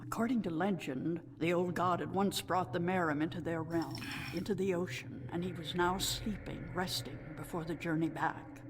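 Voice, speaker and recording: A woman playing a sweet, gentle old female storyteller of a non-human tribe in a video game, speaking in a measured way. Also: on the low side, steady tone, close to an everyday voice. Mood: wistful, reverent. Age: older. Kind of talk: scripted video game dialogue. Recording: echoing hall reverb, clear background noise.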